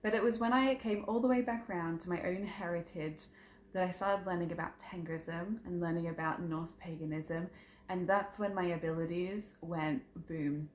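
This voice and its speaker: A woman near thirty, a psychic content creator, gives an earnest, chatty self-introduction in her vlog, filled with ums and stories about her family and spirituality. Her voice is on the low side, fairly even and moderately paced, with a little hiss or hum amid roomy echo and faint ambience.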